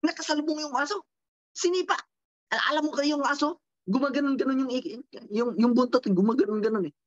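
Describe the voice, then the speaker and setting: A woman giving a lively motivational seminar talk, repeating phrases and checking in with her listeners through quick rhetorical questions. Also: high voice, no room sound, dull audio. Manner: repeats and counts out phrases for emphasis. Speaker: motivational speaker.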